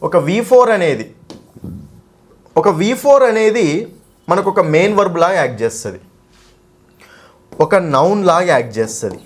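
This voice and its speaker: Guy teaching english grammar, rapid fire, keeps checking okay? right?. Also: on the high side. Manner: asks questions and answers them himself, frequent "okay?" and "right?"; addresses students fondly as "nanna". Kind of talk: exam-prep grammar lesson.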